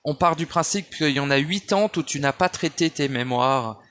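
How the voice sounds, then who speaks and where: A man's voice: a little high, moderate pace, a bit bright. A man talking at home in a loose spiritual monologue, wandering off track and restarting often. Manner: digressive, many restarts and fillers, addresses listener as tu. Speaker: spiritual speaker. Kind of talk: rambling spoken monologue. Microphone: handheld phone or basic mic.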